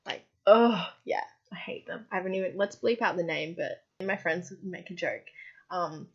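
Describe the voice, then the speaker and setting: A woman's voice: on the low side, normal speed, husky, lo-fi sound. A woman co-hosting a podcast in casual chat, talking loosely with many fillers and laughing often. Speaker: podcast co-host.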